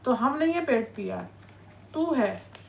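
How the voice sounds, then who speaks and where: A woman's voice: fairly high pitch, animated, a little slow, gravelly, a little hiss or hum. A woman hosting a reaction video, ranting angrily and scolding her target, with frequent "है ना" tags. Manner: scolding, insulting, repeated "है ना" tags. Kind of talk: angry reaction rant.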